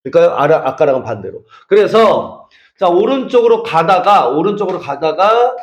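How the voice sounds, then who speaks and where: Man, middle-aged, classroom lecture, teasing, keeps asking if students follow, high-pitched, echoey room. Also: big pitch swings, moderate pace, muffled recording. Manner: teasing, checks for understanding constantly. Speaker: math and science academy teacher.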